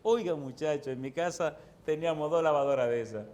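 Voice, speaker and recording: A man preaching as a pastor, telling a story with lively acted-out voices and bursts of laughter. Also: on the high side, brisk, a little hiss or hum. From Dominican Republic. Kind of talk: storytelling sermon.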